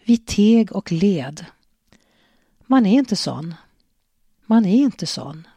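A woman voicing a resigned, longing wife with plain, quiet delivery. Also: medium pitch, sing-song, breathy edge, no room sound.

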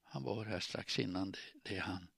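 A man reading the part of a shaken adult woman who speaks in a hushed, subdued voice. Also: deep voice, gravelly, slightly rough, no echo, clean studio sound, full character voice. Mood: weary.

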